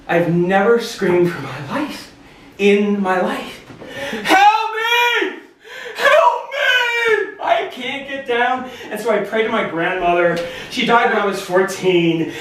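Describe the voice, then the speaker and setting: A man performing a live storytelling set, animated and profane, at times shouting. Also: sits high. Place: stage at a storytelling concert. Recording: echoey room, distant mic, audible noise.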